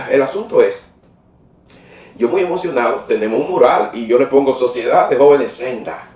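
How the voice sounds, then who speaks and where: A middle-aged man telling a faith testimony in a church interview, animated and often laughing, repeating words when he gets excited. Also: mid-range voice, moderate pace, roomy sound, recorded from a distance. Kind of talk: emotional personal testimony.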